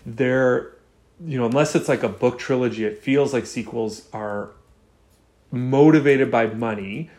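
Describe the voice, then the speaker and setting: Brief: male podcast host, mid-pitched, loose rambling film chat. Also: unhurried, darkish tone. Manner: rambling, many restarts and fillers.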